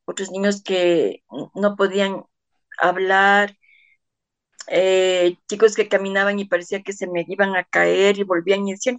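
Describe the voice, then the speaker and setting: A woman theatre artist recounts her experiences in an interview, earnest and heartfelt. Her pitch sits in an ordinary middle range. She slips into the voices of the people she remembers, and her sentences are full of fillers and fresh starts. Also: clear, resonant tone. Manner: earnest, acts out quoted dialogue, frequent fillers and restarts. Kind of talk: personal storytelling in an interview.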